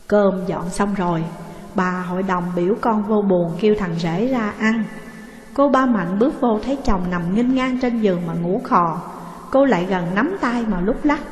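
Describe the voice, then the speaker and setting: A woman reading a story aloud with steady, expressive narration. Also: medium pitch. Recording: echoey room with long reverb.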